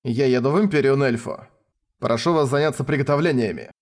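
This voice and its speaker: A man voicing a young male king who speaks quietly and with assurance. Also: mid-range voice, a little fast, close to an everyday voice. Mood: calm.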